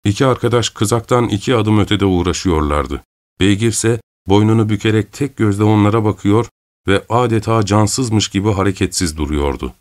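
A man narrating a story aloud in a steady, even storytelling manner. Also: lowish voice, normal speed. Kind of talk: audiobook narration.

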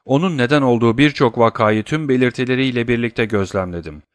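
A man's voice: medium pitch, fast, no echo, studio quality, natural voice. A man doing a grave, urgent doctor. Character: grave, urgent male doctor, middle-aged.

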